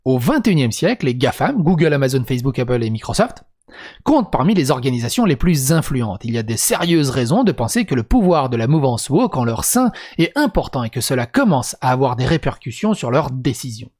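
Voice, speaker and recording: A man's voice: mid-range voice, very animated, brisk, a little mellow. A man reading a script and breaking into crude, sarcastic asides as a video commentator. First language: French. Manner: crude, sarcastic asides between read passages. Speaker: YouTube commentator.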